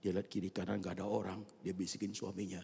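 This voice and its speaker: A male pastor preaching a sermon at an evening church prayer service. He talks colloquially, turns often to the congregation, and swings between loud outbursts and hushed near-whispers. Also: deep voice, little pitch movement, quick pace, vocal fry, a little hiss or hum. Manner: colloquial, with frequent asides to the congregation.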